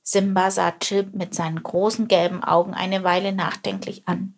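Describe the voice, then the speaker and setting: A woman calmly narrating a children's animal story. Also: mid-range voice, normal speed, creaky, slightly rough.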